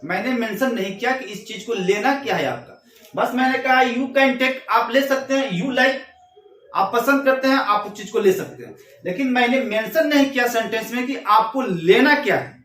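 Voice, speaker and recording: High-voiced male teacher in an echoey room. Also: a bit bright, distant mic. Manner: explains slowly, reads English examples then repeats them in Hindi. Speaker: English teacher. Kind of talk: classroom grammar lesson.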